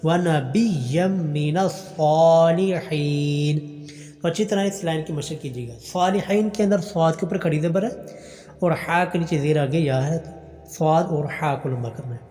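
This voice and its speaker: A man teaching Quran recitation to adults, reciting each verse slowly in a drawn-out chant and then explaining pronunciation in quick, patient speech. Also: fairly high pitch, darkish tone, long reverb tail, soft background music. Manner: patient, repeats and corrects.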